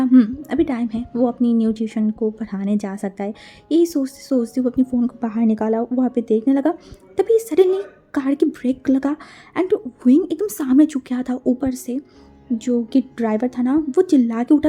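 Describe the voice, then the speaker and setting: A woman's voice: high voice, dark tone, husky. A woman casually retelling a fan-fiction story in a chatty way, slipping in English words.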